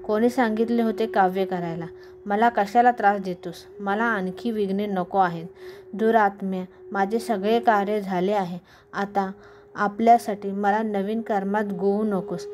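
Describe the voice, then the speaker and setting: A wrathful ancient goddess, contemptuous and scolding, from a devotional scripture reading, read by a woman. The voice sits at a middle pitch. Steady hiss and room noise run under it. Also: unhurried, close to an everyday voice. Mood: furious.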